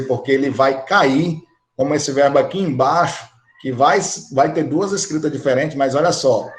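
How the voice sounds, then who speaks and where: A man's voice: medium pitch, roomy sound. Brazilian man teaching grammar step by step. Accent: Brazilian Portuguese. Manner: explains step by step, checks in with "ok?" and "né?". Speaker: English teacher. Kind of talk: recorded online grammar lesson.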